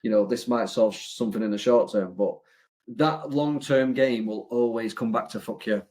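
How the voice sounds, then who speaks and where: A man's voice: lowish voice, moderate pace, a little mellow. A man with an English accent giving a casual motivational talk as a business coach, blunt and sweary, rambling with many fillers and restarts.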